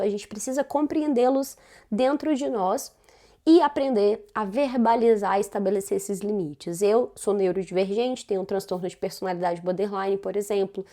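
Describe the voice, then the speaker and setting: A woman with a mid-range, dark-toned voice and a Brazilian Portuguese accent gives casual self-development advice. She speaks conversationally, often tagging her sentences with questions.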